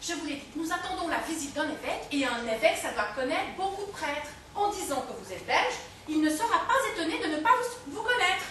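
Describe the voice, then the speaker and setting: An actress playing a scheming, quick-witted novice nun with a lively, playful manner. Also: female voice, high-pitched, far from the mic. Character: scheming, fast-talking young novice nun. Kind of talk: stage comedy acting. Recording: echoey stage heard from afar, faint noise.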